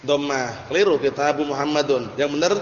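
A man's voice: mid-range voice, fairly quick, a little hiss or hum. A man teaching Arabic grammar to a class, questioning students and drilling their answers. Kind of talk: classroom lesson. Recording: dull, echoey hall recording.

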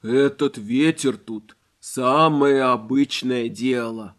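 A man voicing a huge, lonely cat-dragon in an audiobook, speaking slowly and deeply, with a hollow boom as if from inside a barrel. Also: fairly bright tone. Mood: solemn. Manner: slow, deep, drawn-out speech. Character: huge lone cat-dragon, slow, calm, solemn. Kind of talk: audiobook character voice.

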